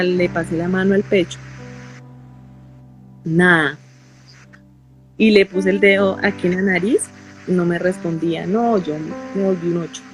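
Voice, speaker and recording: A woman with a Colombian accent giving an emotional personal testimony in an interview, halting and repeating phrases as she goes. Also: medium pitch. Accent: Colombian Spanish.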